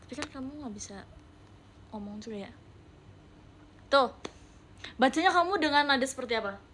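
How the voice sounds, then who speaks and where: A woman's voice: high-pitched, lively intonation, moderate pace, fairly bright tone, slight background noise. A young woman streaming live, chatting playfully with viewers and reading their messages, with English words mixed into her talk. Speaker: livestreamer reading viewer chat. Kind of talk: casual live-stream chat.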